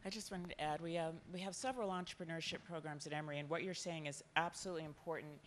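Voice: mid-range voice, fairly even intonation, very fast, a bit bright, slight background noise. A panelist on a conference stage adding an earnest point in a large hall. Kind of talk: panel discussion.

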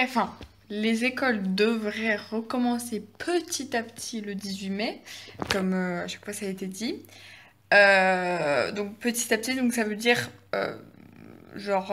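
A teenage girl, chatting casually in a home vlog, rambling with lots of fillers and hesitations. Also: a little high. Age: teens. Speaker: vlogger. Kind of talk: casual chat. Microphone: phone camera.

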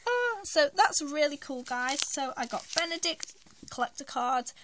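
A woman doing an excited toy unboxing review, who talks eagerly and squeals when she finds something new. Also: high-pitched, measured pace. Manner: excitable, squeals names of toys. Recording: loud background noise, packaging crinkling.

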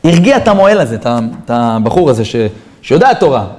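A man's voice: fairly high pitch, very animated, darkish tone. A man, a rabbi, giving a Purim sermon as a dramatic story, calling out to his listeners and swinging his voice up and down. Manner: dramatic storyteller, voices rise and drop sharply, addresses audience as guys.

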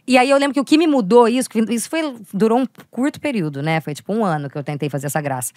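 A woman's voice: on the high side, animated, very fast, darkish tone, dry recording, clean studio sound. A young woman, chatting animatedly as an actress guest on a podcast. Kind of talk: casual podcast chat.

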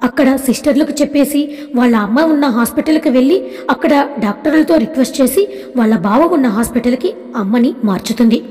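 A woman narrating an audiobook story in a steady, plain storytelling way. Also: sits high, brisk, long reverb tail.

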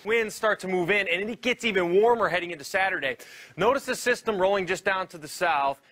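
High, bright, distracted weatherman. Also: brisk, slight background noise. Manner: distracted, chuckling between phrases. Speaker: TV weather presenter. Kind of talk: live weather forecast. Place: TV studio at weather map.

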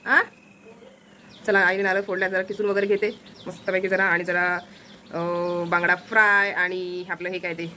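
A young woman talks rapidly to her phone camera as she shows off her village home. Her voice sits at an ordinary middle pitch and she addresses viewers in a chatty, casual way. A faint outdoor noise runs under the recording. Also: sharp tone. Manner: chatty, addresses viewers directly, coos at a pet. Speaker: vlogger. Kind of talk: casual home vlog narration. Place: village house courtyard, outdoors.

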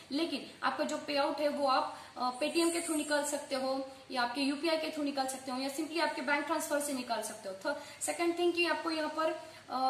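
A woman hosting an online earning tutorial, talking quickly and casually to her viewers and dropping English phrases into her speech. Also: high voice. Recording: echoey room with faint background noise.

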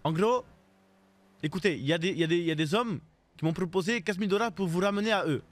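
Fast, high-voiced brash man in roleplay. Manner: brash, teasing, repeats himself. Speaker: streamer playing a gang character. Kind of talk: GTA roleplay.

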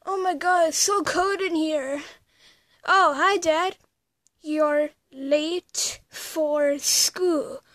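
Very high-voiced woman doing toy-skit voices. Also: fairly bright tone. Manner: switches quickly between characters with playful exclamations. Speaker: toy movie performer voicing every part.

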